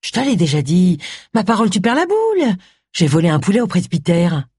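A crude old village witch who scolds her daughter in a gruff voice, as a woman reader puts her on. Her voice is husky and swings widely in pitch. It sounds close and dry, straight from an audiobook. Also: very animated, a little fast, darkish tone, no room sound, full character voice. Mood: scolding.

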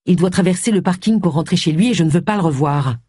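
Un lecteur de livre audio prête sa voix à une détective d'une cinquantaine d'années, nerveuse et prompte à s'emporter. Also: female voice, lowish voice, fast, mellow, husky, no room sound, studio quality. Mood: tendue. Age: 50s. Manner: tense, emotional outbursts. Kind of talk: audiobook character voice.

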